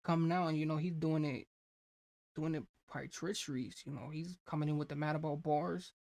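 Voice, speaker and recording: A man's voice: on the high side, steady tone, brisk, creaky, darkish tone. A man hosting a reaction video, rambling loosely with lots of fillers and restarts. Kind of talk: casual reaction commentary.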